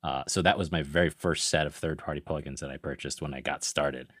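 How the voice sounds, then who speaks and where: Deep-voiced laughing male co-host. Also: steady tone, fairly quick, a bit bright, no echo, studio quality. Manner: laughs easily, enthusiastic. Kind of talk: casual podcast chat.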